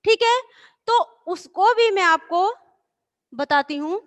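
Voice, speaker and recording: A woman's voice: very high-pitched, animated. A woman teacher patiently reciting letters and explaining to children in an online class. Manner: slow, patient, drawn-out recitation.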